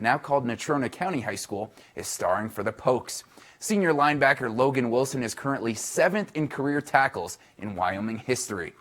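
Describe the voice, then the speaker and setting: A male sports reporter delivering a scripted local news segment. His voice sits at a middle pitch for a man, and he reads briskly and cheerfully, keeping scores and stats moving along. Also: a bit bright.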